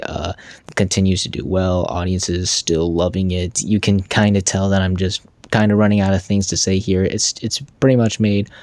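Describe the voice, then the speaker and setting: A man with a very low, deep voice talks through weekly box office results in a casual solo commentary. He sounds enthusiastic, often stumbling and restarting his phrases. The recording is dry and close, with no room sound. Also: a little mellow, no echo.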